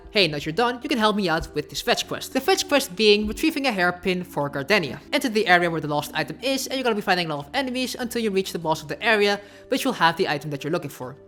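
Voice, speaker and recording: A woman's voice: on the low side, a bit bright. A woman narrating a casual video essay with sarcastic, offhand asides.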